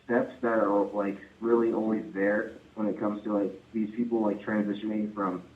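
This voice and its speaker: Young man, hesitant, lots of fillers, low voice, phone-like sound. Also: little pitch movement, normal speed. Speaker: course participant asking a question. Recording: tinny phone-like call line.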